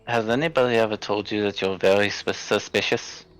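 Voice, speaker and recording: A man's voice: fairly low pitch, fairly even intonation, a little fast, smooth, faint music behind, low-quality recording. A man playing a tabletop game, answering in character in a dry, matter-of-fact way. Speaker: player. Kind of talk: casual in-character tabletop play.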